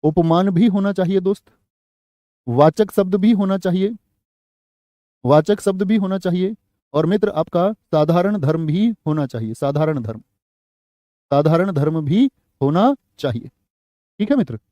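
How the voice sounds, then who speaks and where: High-voiced man teaching a Hindi class. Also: expressive, a little slow, long pauses, warm tone, no room sound, dull audio. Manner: quizzing students with repeated questions; calls students brother and friend. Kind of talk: online exam-prep class lecture.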